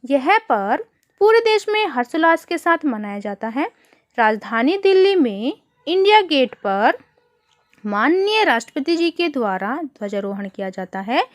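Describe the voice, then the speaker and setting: High, lively teacher woman. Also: measured pace. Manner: warm, explanatory, addresses children as beta. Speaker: primary school teacher. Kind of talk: online worksheet lesson for children.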